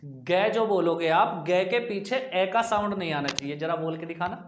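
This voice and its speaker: A man's voice: sits high, lively intonation, normal speed, a little hiss or hum. A man teaching Hindi grammar at a whiteboard for an exam coaching class, asking the class questions and answering them himself. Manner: repeats questions to the class and drags out sounds. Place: small coaching room with a board. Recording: echoey room.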